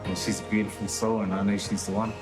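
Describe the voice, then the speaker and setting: A man's voice: fairly low pitch, little pitch movement, fast. A man giving sincere, personal, unscripted testimony. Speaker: documentary participant. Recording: loud music over the voice. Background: loud music.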